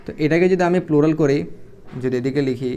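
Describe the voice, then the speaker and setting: A man's voice: a little high, fast talker, warm tone, slight background noise. A young man teaching Arabic grammar in a casual, explanatory way, thinking aloud with fillers and restarts as he writes.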